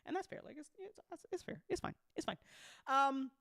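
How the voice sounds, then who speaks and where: A host and audio drama creator gives a casual livestream update, reading and answering fan comments. The voice sits high and is expressive and gravelly with a fairly bright tone, at normal speed, and the recording is dry with clean studio sound. They talk effusively, swear casually, and come across as giggly and easily amused.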